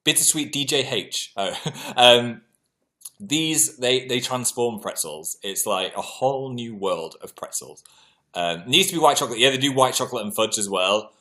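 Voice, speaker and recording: British guy rambling on his livestream, bright voice, telling goofy stories about himself. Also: mid-range voice. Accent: British English. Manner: animated, self-mocking, chatty anecdotes. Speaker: livestream host. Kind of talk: casual storytelling to viewers.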